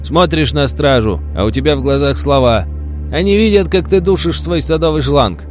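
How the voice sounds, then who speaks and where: A man's voice: fairly high pitch, animated, normal speed, soft background music, pitched above the performer's own voice, lightly acted. A man voicing a hostile old man who snarls and grates at a stranger. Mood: mocking. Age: older. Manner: snarling, grating.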